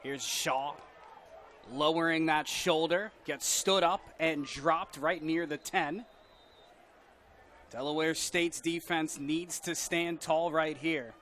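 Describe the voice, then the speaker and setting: A man's voice: fairly high pitch, steady tone, takes it slowly, a bit bright. An American man giving live play-by-play commentary on a football game. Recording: faint outdoor background noise.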